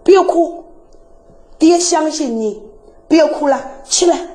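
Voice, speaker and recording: A woman voicing a doting old father, pitching her voice low and speaking soothingly. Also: slow pace, dark tone. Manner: soothing, pleading.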